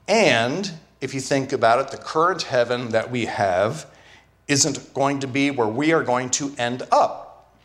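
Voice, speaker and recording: A man preaching a sermon as pastor, earnest and teaching, repeating key phrases for emphasis. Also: mid-range voice. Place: church.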